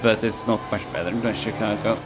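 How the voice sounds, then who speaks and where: A man's voice: fairly low pitch, fairly even intonation, a little fast. A man streaming a game from home, chatting casually in a rambling, self-mocking way that often trails off. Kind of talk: casual chat while gaming. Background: game music.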